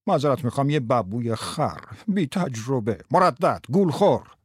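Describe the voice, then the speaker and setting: A swaggering older salesman bursts through his lesson, talking fast and teasing his pupil, as a man puts him on in an audiobook. He swings between loud showy patter and low coaching asides. The sound is close and dry with no room around it. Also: breathy edge, no echo. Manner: lively, fast coaching banter. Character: brash older male tie salesman teaching a boy. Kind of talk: audiobook character voice.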